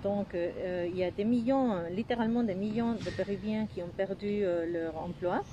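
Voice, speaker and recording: A woman with a Peruvian Spanish accent speaks French in a medium-pitched voice. She gives explanatory interview answers, hesitating as she searches for words. Clear background noise runs behind her. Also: moderate pace, highs cut off. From Peru. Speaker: anthropologist interviewee.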